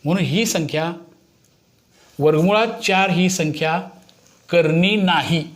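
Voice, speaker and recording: A man's voice: a little high, takes it slowly. A man teaches a maths lesson. He explains to children step by step, often stopping to ask them a question and prompt an answer.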